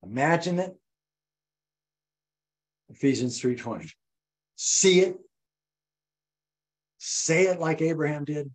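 An older man preaching a sermon as pastor, animated and repetitive, acting out voices. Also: takes it slowly, pauses often, poor audio. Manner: animated, repeats phrases, acts out voices with rising pitch. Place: church.

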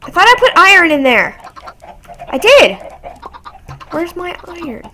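A woman's voice: extremely high pitch, very animated, unhurried, sharp tone, slight background noise. A woman casually commentating her own gameplay, talking to the game and jumping to sudden squeals of surprise. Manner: chatty, talks to the game and apologizes to it. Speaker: gaming channel host.

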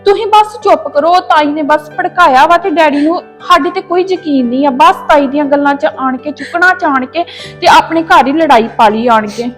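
A woman's voice: high voice, moderate pace, fairly bright tone, soft background music. A young woman playing a loyal younger daughter who earnestly pleads with her father for her sister. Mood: soothing. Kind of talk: domestic drama acting.

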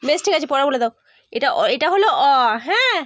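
A woman's voice: high voice, sing-song, brisk, fairly bright tone, a little hiss or hum. A mother tutoring her young son at home, coaxing and repeating questions, sighing with exasperation and scolding him. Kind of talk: home tutoring a small child.

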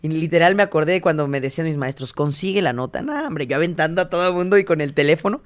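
A young man with a Mexican Spanish accent, his voice a little high and his pace quick, tells animated stories as a guest on a podcast. He's a singer and TV reporter, acting out other people's lines in lively asides during a casual interview. The audio is dull, lo-fi podcast sound.

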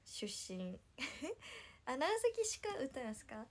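A woman's voice: high voice, big pitch swings, takes it slowly. A young woman in her twenties with a Nagasaki dialect, chatting casually and bubbly with livestream viewers and often laughing. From Nagasaki, Japan. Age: 20s.

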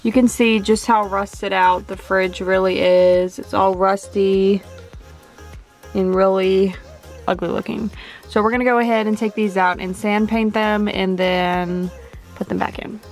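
Speaking at a slightly slow pace in a steady, mid-range voice, this twenty-something vlogger chats to the camera as she renovates her camper van. Soft music runs underneath her casual how-to commentary.

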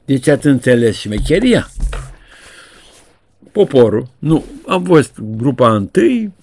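Gravelly, lively old man ranting. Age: 70s. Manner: colloquial, sarcastic, swings widely in pitch. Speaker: journalist and video blogger. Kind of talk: casual commentary monologue.

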